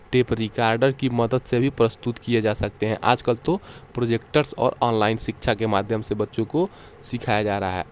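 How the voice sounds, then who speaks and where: A man's voice: mid-range voice, slight background noise. A man teaching an exam-prep lecture, going through the points one by one and checking in with the listeners as he explains. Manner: explains point by point, often adds "ठीक है".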